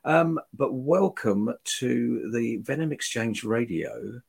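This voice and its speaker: A man's voice: medium pitch, animated, slow, creaky, darkish tone, slightly rough. A British man hosting a podcast in casual chat, droll and mock-stoic while under the weather with a cold. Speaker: podcast host.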